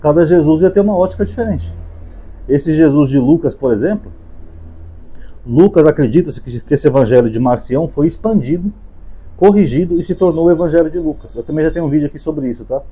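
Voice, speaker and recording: A man's voice: a little high, lively intonation, a little fast, warm tone, husky. A Brazilian man giving an unscripted, conversational talk on the gospels, peppering his points with "né" and "tá" as he speaks from memory. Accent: Brazilian Portuguese. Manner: conversational, many fillers like "né" and "tá". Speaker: YouTube Bible commentator. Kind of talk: casual spoken lecture on the gospels.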